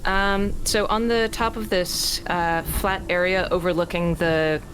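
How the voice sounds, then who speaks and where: A woman's voice: on the low side, fairly even intonation, unhurried, noisy background. A woman giving matter-of-fact live audio description of a video game, with terse callouts. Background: video game music.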